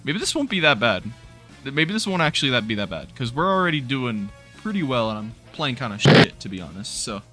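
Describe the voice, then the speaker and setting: A young man giving casual, animated let's-play commentary, laughing and swearing often while playing. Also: mid-range voice, a little fast, loud music behind the voice. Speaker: gaming YouTuber. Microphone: new studio mic.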